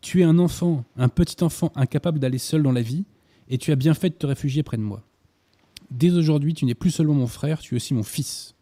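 A man reading aloud the lines of a gentle young older brother, soft and protective, from a novel. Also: on the high side, fairly quick, lightly acted. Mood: tender.

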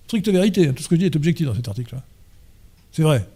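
A man lecturing at a conference, his voice sitting a little high yet mellow and soft-edged. He stalls on fillers and repeats words while hunting for phrasing. Then he presses his points with emphatic, insistent stress. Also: sing-song, racing, husky. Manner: hesitant, many fillers and restarts, emphatic lecturing. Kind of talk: lecture and audience Q&A.

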